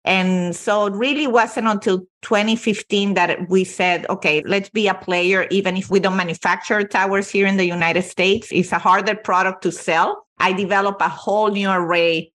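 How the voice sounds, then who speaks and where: A woman's voice: mid-range voice, fairly even intonation, normal speed, hardly any pauses, fairly bright tone. A woman from Venezuela, a company CEO, telling her career story with earnest emphasis as a podcast guest. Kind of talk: podcast interview.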